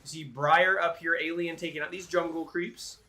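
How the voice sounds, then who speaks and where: A man giving live play-by-play commentary on a video game match in an excitable announcer style. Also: fairly high pitch, normal speed. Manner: excitable announcer-style calls that swell at big plays. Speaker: esports commentator, play-by-play caller.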